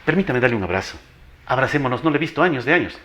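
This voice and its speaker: Racing along with an animated, fairly bright tone at medium pitch, an older veteran teacher speaks as an interview guest, his Ecuadorian accent and strong, announcer-like voice driving emphatic anecdotes. He repeats phrases and acts out dialogue.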